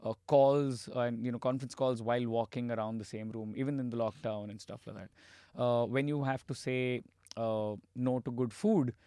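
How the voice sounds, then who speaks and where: A man's voice: mid-range voice, steady tone, normal speed, warm tone, clean tone, no room sound. Indian man explaining casually, very dry sound.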